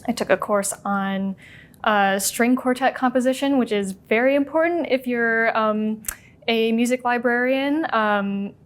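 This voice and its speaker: A young adult woman, an assistant music librarian, answering interview questions in a relaxed, chatty way with frequent "um" and "like". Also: a little high, unhurried.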